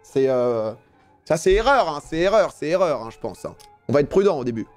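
A man's voice: on the high side, sing-song, a little fast, darkish tone, faint music behind. Slangy man streaming a game. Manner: casual, slangy, swears freely; reads game text aloud, then comments. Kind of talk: live gameplay commentary.

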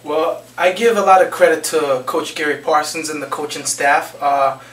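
Young male footballer, post-game interview, flat steady delivery, mid-high voice, roomy office, mic a bit far off. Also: moderate pace. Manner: steady, earnest, repeats phrases and restarts with um. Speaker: soccer forward, interviewee. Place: small office with trophy shelves, indoors. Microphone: handheld mic held out by interviewer. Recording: echoey room, mic a bit far, faint noise.

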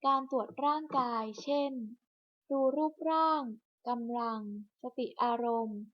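A woman reading a scripted hospital clinic announcement over a public address system, in a measured, list-by-list delivery. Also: high-pitched. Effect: broadcast over a hospital public address system. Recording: muffled lo-fi loudspeaker broadcast.

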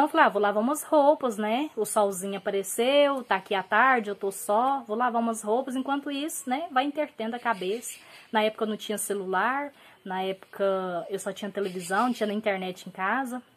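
A woman with a Goiás Brazilian accent recounts a personal faith testimony. Her voice sits a little high, and she tells it earnestly and with feeling, voicing the quoted lines as she goes. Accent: Goiás Brazilian Portuguese. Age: adult, mother. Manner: earnest, emotional storytelling with lively acted quotes. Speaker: vlogger.

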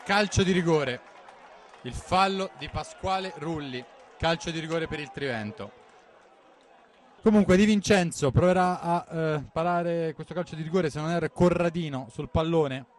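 Man, football commentator, breathless excited play-by-play, urgent repetitions, fairly high voice. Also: moderate pace. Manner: breathless, urgent, repeats players' names and phrases.

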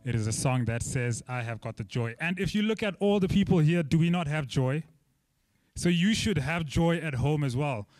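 A man's voice: fairly high pitch, lively intonation, moderate pace, a little mellow, no echo, clean studio sound. A man introducing musicians and leading a cheerful church sing-along, calling out to the singers. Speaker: music leader.

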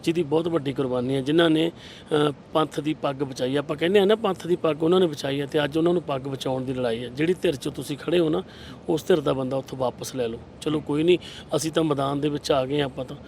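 A man's voice: a little high, fast talker, creaky, a little mellow, a little hiss or hum. A man, a political candidate giving impassioned, rhetorical interview answers and retelling scenes with quoted dialogue.

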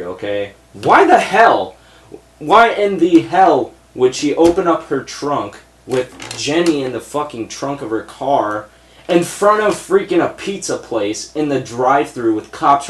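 A man's voice: medium pitch, roomy sound. A young man reviewing a movie in a blunt, profane, exasperated rant, seated at a desk in a small room full of shelves. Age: young adult.

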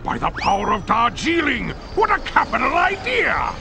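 An actor playing a pompous, grandiose supervillain in a cartoon game. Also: male voice, extremely high pitch, wildly swooping pitch, moderate pace, gravelly, heavy background noise, exaggerated voice.

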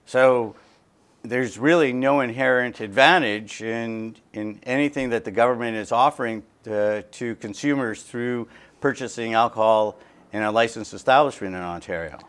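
A middle-aged man hosts a studio interview, his voice smooth and resonant through a lapel mic. He asks long, well-built questions at a moderate pitch in a small TV studio. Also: moderate pace, a bit bright. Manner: gestures with both hands, long detailed questions. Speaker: talk show host. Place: small TV studio with dark curtains.

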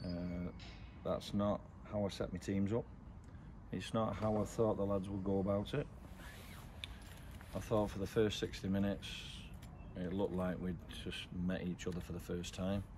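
A middle-aged English man, a football manager, giving a blunt, measured post-match interview outdoors at night, with frequent ums. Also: low voice, level tone, darkish tone. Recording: outdoor noise behind.

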